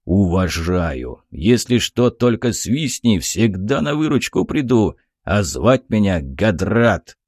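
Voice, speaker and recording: A man voicing a blunt, gruff dwarf who barks his words slowly. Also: lowish voice, sing-song, darkish tone, no room sound, clean studio sound, exaggerated voice. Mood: respectful. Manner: gruff, slow barking.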